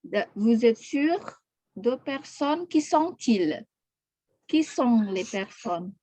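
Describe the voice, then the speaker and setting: A woman's voice: a little high, very animated, slow, mellow, no echo. A woman teaching a French class, patiently repeating questions and correcting pronunciation. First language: Indonesian. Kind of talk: online language class.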